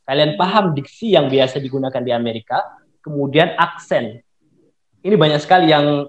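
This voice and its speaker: A man as the invited speaker, patiently explaining an answer and mixing English terms into his talk, heard over a video call. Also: on the high side. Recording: echoey, dull video-call audio.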